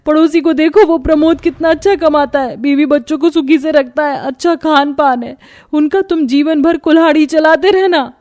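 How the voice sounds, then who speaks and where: A woman's voice: mid-range voice, moderate pace, hardly any pauses, dark tone, natural voice. A woman voicing a poor, tired young mother and wife with a sorrowful, complaining tone, in storybook acting. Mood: angry.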